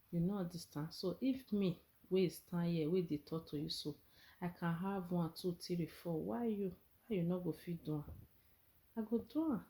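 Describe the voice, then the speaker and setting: Here a female vlogger speaks Nigerian Pidgin with a Nigerian accent, her voice lowish and warm as she recounts her own experience. Earnest and encouraging, she often makes sure her audience understands.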